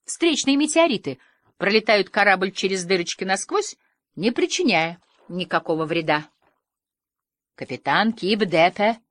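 A woman reads children's stories aloud in a slightly low voice. She tells them playfully, lingering on slow pauses for effect. The sound is close and dry. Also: no echo. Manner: playful, expressive storytelling with slow, drawn-out pauses. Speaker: audiobook reader.

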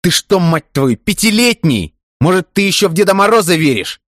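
A man voicing a hot-tempered young gangster who swears and yells at his friend. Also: low voice, normal speed, no room sound, studio quality. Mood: yelling furious.

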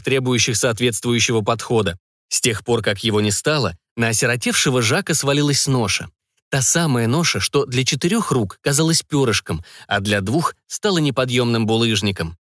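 A man giving measured, deliberate scripted narration of an audiobook. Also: mid-range voice, fairly bright tone, no room sound, studio quality.

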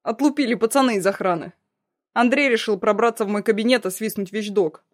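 A woman voicing a cruel young man, a blackmailing ex-fiancé, in a loud, mocking, threatening way. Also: fairly high pitch, fairly quick, natural voice. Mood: menacing.

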